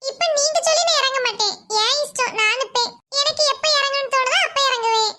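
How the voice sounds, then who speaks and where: A woman's voice: very high-pitched, fast, background noise. A woman voicing a young cartoon girl stuck at a shop, who pleads and later turns cheeky and mocking. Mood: cocky. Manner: pleading, then cocky and mocking.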